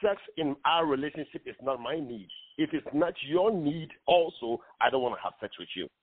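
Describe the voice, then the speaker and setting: A man in his forties from Ghana, calling in to a radio talk show, speaking earnestly with many pauses and fillers. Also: on the high side, animated, no room sound. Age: 40s. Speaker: caller. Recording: tinny phone line.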